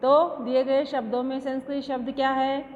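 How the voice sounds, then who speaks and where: A woman's voice: high-pitched, level tone, normal speed. A woman school teacher giving a class lesson, patiently asking questions and then answering them herself. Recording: dull lo-fi with long reverb.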